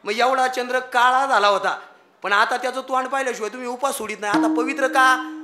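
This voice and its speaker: A man's voice: very high voice, steady tone, a little fast, noisy background. A man preaching a devotional kirtan sermon, telling folksy stories with jokes and talking straight to the crowd.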